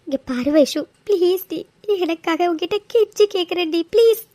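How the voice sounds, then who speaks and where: A woman's voice: very high-pitched, moderate pace, darkish tone, no echo. A woman voicing a young woman who is recovering from burns in a cartoon; she pleads through tears. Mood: pleading tearful. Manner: pleading, crying. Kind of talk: cartoon voice acting.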